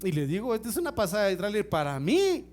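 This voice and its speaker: A pastor preaching in a church with a very lively, rising and falling delivery. He drops to soft asides, then climbs to shouted peaks, and acts out the people in his stories. Faint music sits behind his voice. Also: high-pitched, fast. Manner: swings from soft, near-whispered asides to loud, shouted peaks; acts out quoted people in a storytelling way. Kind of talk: sermon.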